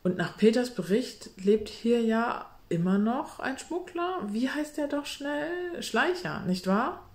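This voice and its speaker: A woman's voice: sits low, steady tone, moderate pace, hardly any pauses, a little mellow, lightly acted. Woman doing a nosy bold girl from a kids' book, asking questions, roomy echo. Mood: curious. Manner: curious, questioning.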